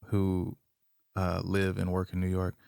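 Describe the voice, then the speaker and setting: A man's voice: low voice, completely flat delivery, measured pace, vocal fry, a little mellow, clean tone, no echo, clean studio sound. A man hosting a podcast from Georgia, chatting casually and teasing his guest. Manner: teasing, playful trash talk. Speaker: podcast host. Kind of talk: casual chat.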